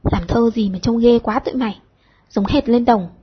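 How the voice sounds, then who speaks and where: A woman voicing a teasing, chatty teenage schoolgirl, cheeky and quick-tongued, with a husky tone. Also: a little high, highs cut off, slight background noise, natural voice.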